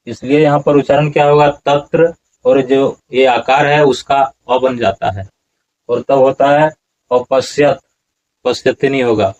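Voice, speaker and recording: Slow, careful male Sanskrit teacher. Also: mid-range voice, darkish tone, highs cut off. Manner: slow, repetitive, careful syllable-by-syllable pronunciation. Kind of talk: slow explanatory lesson.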